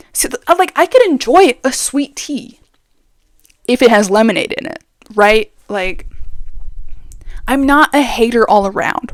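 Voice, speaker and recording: A young vlogger with a mid-range voice talks casually and opinionatedly, peppering her speech with fillers. She's right up on the mic, and there's no room sound at all.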